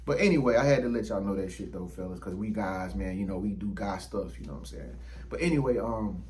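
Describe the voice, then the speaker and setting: A man's voice: on the low side, fast, darkish tone, slight background noise, rough recording. A man in his thirties hosting his own channel, talking casually to the camera in a slangy, profane, rambling way full of fillers. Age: 30s. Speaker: YouTube channel host. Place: indoors under ring lights.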